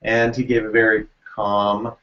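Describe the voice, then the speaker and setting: A man co-hosting a casual TV recap chat, relaxed, teasing and analytical. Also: on the low side, unhurried. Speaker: co-host. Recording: roomy, dull lo-fi recording.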